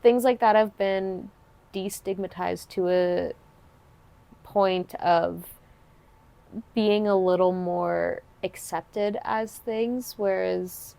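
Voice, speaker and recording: A woman's voice: mid-range voice, fairly even intonation, slow, gravelly, mellow. A woman hosting a podcast, chatting earnestly and supportively in long, winding sentences. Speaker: podcast host. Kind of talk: casual interview chat.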